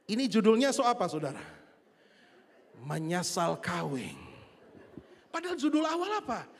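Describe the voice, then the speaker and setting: A male pastor, preaching a sermon to a congregation in a lively storytelling way, asking them questions. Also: very high-pitched, fast talker. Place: large church hall. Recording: church hall reverb.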